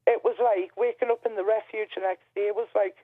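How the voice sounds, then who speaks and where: A woman speaks as a phone-in caller, recounting personal experience conversationally. Her delivery is hesitant and reflective at a medium pitch. The line is narrow, dry and telephone-like. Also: steady tone, a little fast, no room sound. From Berkeley. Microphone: telephone call to radio show.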